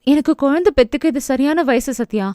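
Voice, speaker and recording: A woman's voice: sits high, normal speed, warm tone, no room sound, studio quality, lightly acted. A woman voicing a hopeful young wife in an audio novel, talking in a raised, eager and pleading voice.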